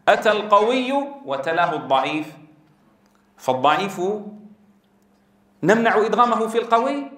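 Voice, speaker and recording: A man teaches a tajweed lesson and stretches words slowly to show how they sound. His voice sits high, and it rings in a roomy, echoey space. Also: fairly bright tone. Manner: asks questions and answers them himself. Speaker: Quran teacher.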